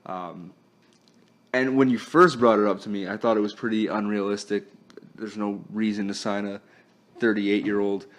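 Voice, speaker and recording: A man's voice: lowish voice, fairly even intonation, moderate pace. A man hosting a casual sports talk podcast, chatty and easygoing, laughing often and using plenty of fillers. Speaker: podcast host.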